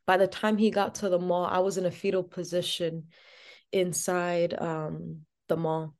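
A woman's voice: fairly low pitch, level tone, a little slow, darkish tone. A woman as an interview guest, telling a personal story in a casual, chatty way with many "like" fillers.

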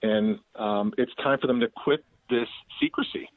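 A man's voice: mid-range voice, normal speed, no echo. A male activist speaking emphatically in a phone interview, indignant. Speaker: activist guest. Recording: tinny phone line.

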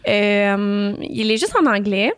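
A woman with a Quebec French accent, co-hosting a podcast in casual, animated chat, with a fairly high voice. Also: takes it slowly, clean tone, no echo, studio quality. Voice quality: high-pitched voice. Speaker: podcast co-host. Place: podcast studio.

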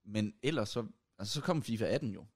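A man's voice: fairly low pitch, animated. A man co-hosting a casual podcast, making dry joking remarks and bursting into laughter. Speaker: podcast co-host. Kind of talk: casual chat.

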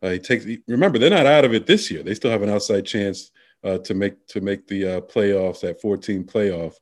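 A man's voice: on the low side, moderate pace. Male sports talk co-host, casual and rambling. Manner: rambling, many fillers and restarts.

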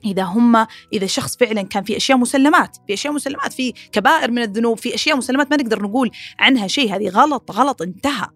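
A woman hosting a podcast, giving casual advice, animated and repeating phrases as she talks. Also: no echo, soft background music. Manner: animated, acts out quoted critics in a higher voice; rapid, repeats phrases, many fillers. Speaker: podcast host.

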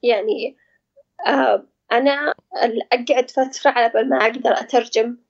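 Woman, interview guest, hesitant and reflective, breathy, dull recording. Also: fairly high pitch, fairly even intonation, a little fast. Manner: hesitant, searching for words, reflective. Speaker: guest sharing personal experience. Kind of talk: casual conversational interview.

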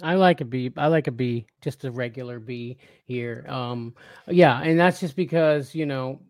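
A man co-hosting a casual live fantasy football stream, excitable and repeating himself, laughing often. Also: mid-range voice, normal speed, no echo, clean studio sound.

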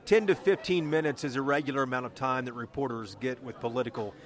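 A man's voice: mid-range voice, quick pace. A man with an American accent, a podcast host and political reporter who speaks conversationally as he narrates and interviews.

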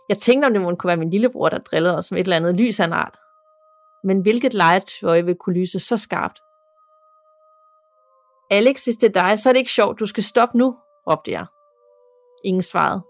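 A woman narrates a listener's spooky story for a podcast, steady and measured. Her voice sits at a middle pitch, recorded close and dry, with faint music beneath. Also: dry recording. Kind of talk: scripted narration of a ghost story.

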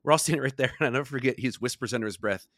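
A man's voice: mid-range voice, rapid-fire, fairly bright tone, no room sound, studio quality. A young adult man co-hosting a podcast, telling a story in a casual chat with lots of laughs. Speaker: podcast co-host.

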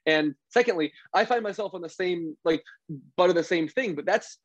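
A man's voice: high-pitched, moderate pace, dry recording. A man from Philadelphia, a sports researcher and guest, explaining things earnestly in casual interview chat and correcting himself often. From Philadelphia, USA. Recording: dry, dull lo-fi audio.

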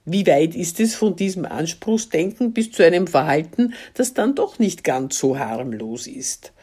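A woman's voice: lowish voice, animated, measured pace, warm tone, slightly rough. A woman reading the lines of a dry, skeptical woman who keeps asking probing questions. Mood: musing.

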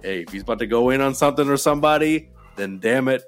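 A man's voice: mid-range voice, fast, faint music behind. A man hosting a podcast with casual, playful banter and a hype-man delivery full of exclamations. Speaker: podcast host.

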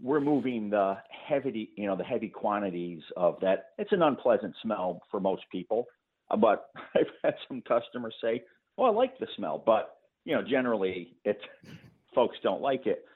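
A man guest on a call-in show explaining his painting business in a relaxed way, with frequent fillers and easy laughs. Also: on the low side, moderate pace, slightly rough. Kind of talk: phone-in interview. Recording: tinny phone line.

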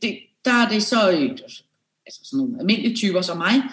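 A woman's voice: medium pitch, expressive, roomy sound. A woman co-hosting a podcast in casual chat, who listens with short replies and reads out the topics. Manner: brief backchannels, reads the episode topics aloud. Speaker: podcast co-host.

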